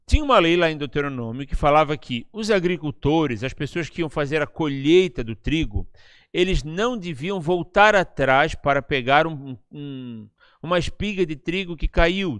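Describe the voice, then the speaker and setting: Smooth-voiced Brazilian preacher, chatty. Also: male voice, fairly high pitch, fairly bright tone, no room sound, studio quality. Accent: Brazilian Portuguese. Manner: chatty, tags lines with questions to the listeners. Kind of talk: conversational sermon teaching. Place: church service, live-streamed.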